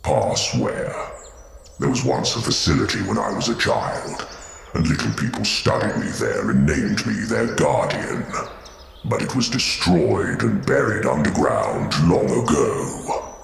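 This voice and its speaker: A proud dragon guardian with a cavernous, extremely deep dragon voice. The words rumble out slowly and grandly, thick with gravel, as dialogue in a tabletop game replay. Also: male voice, big pitch swings, heavily acted. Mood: solemn, guarded. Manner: slow, grandiose, weighty dragon delivery. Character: proud ancient-sounding dragon guardian, a young male.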